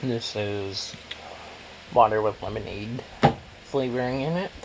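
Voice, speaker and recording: A man's voice: lowish voice, a little slow, vocal fry. A man vlogging casually as he eats, rambling and repeating himself for emphasis. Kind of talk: casual mukbang chat while eating. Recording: noisy room, clattering cutlery and dishes.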